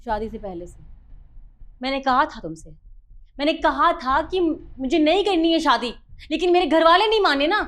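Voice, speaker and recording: A woman's voice: sits high, animated, normal speed, a bit bright. A woman playing a defiant cheating wife. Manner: defensive, dismissive. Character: wife Shikha, defiant and caught hiding a lover. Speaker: actor in a short film. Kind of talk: melodramatic short-film acting.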